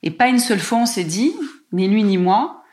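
A woman from France telling a personal story in a lively, emotional way, with many small hesitations. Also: medium pitch, normal speed. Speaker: guest telling her life story.

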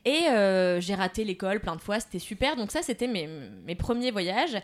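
A woman's voice: mid-range voice, moderate pace. Chatty French woman telling stories. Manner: chatty, animated, many fillers and slang. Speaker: podcast guest. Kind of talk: casual storytelling.

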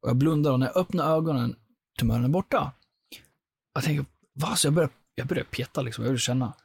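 A man, a podcast guest, telling his personal life story in an earnest, animated way, with frequent fillers. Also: mid-range voice, gravelly, breathy edge, no room sound.

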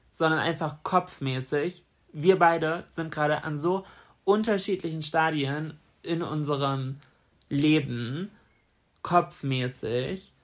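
Blunt, chatty young woman. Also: low voice. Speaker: podcast co-host. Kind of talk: casual couple chat.

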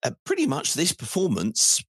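Gravelly man hosting football chat. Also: a little high, huge pitch swings, moderate pace, no room sound, clean studio sound. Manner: chatty, rambling, emphatic repetition. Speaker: football fan show host. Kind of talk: casual phone-in hosting and match commentary.

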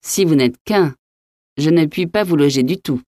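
A woman's voice: low-pitched, normal speed, dark tone, no room sound, clean studio sound, close to an everyday voice. A woman voicing a cool, mocking innkeeper. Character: impertinent, phlegmatic male innkeeper, mocking. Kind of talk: audiobook reading.

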